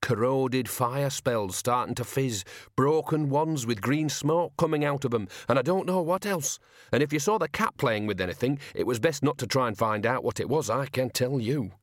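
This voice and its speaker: For an audiobook, a man voices a resentful working-class cart driver who mutters and grumbles in colloquial speech. The lightly acted performance is medium-pitched, raised above his own voice, at a normal speed in a dry, studio-quality recording.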